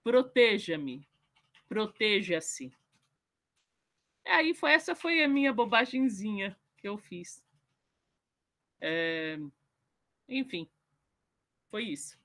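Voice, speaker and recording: A woman speaking through her computer mic on a video call in an online book club. Her voice sits a little high and she talks casually, often poking fun at herself. She slows right down when she reads her short poem aloud. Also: animated, a bit bright. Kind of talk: casual online group chat.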